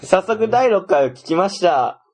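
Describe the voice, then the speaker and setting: A man's voice: high-pitched, very animated, unhurried, darkish tone, slightly rough. A young man with a Kansai accent, co-hosting a casual chat and reading listener mail aloud with frequent laughter. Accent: Kansai Japanese. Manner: reads listener messages aloud, laughs often, teasing.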